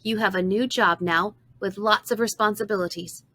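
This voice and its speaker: A woman voicing an encouraging older mentor in a storybook reading, gently instructive. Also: medium pitch, steady tone, normal speed, dry recording, clean studio sound.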